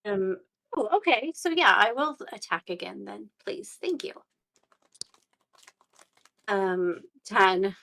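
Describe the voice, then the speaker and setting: A woman's voice: medium pitch, big pitch swings, slow, vocal fry, pauses often, bright, forceful tone. A woman playing in a tabletop game, hesitant and polite as she rolls. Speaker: player. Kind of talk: casual game play.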